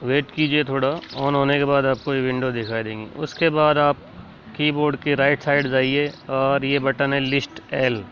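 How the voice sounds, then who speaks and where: A man calmly explaining, step by step, how to load files onto a keyboard, talking while he demonstrates. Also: mid-range voice. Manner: plain, instructive, talks while demonstrating. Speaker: keyboard tutorial host. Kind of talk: casual step-by-step tutorial. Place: indoors at a computer and keyboard. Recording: dull lo-fi sound with faint noise.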